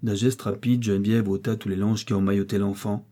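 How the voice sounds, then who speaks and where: A man narrating a novel in a measured storytelling delivery. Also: fairly low pitch, flat delivery, mellow. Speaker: audiobook reader.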